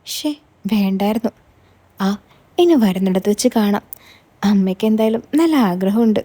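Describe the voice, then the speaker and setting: Woman storyteller, scripted narration, measured pace, mellow warm tone. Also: medium pitch, lively intonation.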